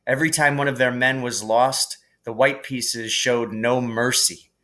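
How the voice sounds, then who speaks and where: The speaker is a teacher reading a novel aloud, a man whose pitch falls in the mid range. He tells the story expressively, with a measured and deliberate delivery.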